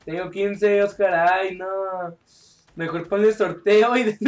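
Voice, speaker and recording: High-voiced young streamer. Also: male voice, steady tone, takes it slowly. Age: young adult. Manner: chatty, joking, reads chat aloud and calls out mid-game. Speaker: game streamer. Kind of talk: live gameplay stream chat.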